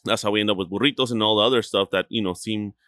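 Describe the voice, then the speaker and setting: Bright-voiced, swearing, rambling man. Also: lowish voice, fairly even intonation, very fast, smooth, no room sound. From Chihuahua, Mexico. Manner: loose, rambling, swears freely, many fillers. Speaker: restaurant co-owner and guest. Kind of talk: casual podcast interview.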